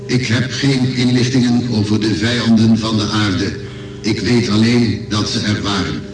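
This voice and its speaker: An actor in a radio drama playing a programmed robot guardian of an imperial library, speaking formally. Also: male voice, fairly low pitch, steady tone, measured pace, natural voice. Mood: impassive. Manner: formal, impassive, matter-of-fact. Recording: echoey radio drama with music bed.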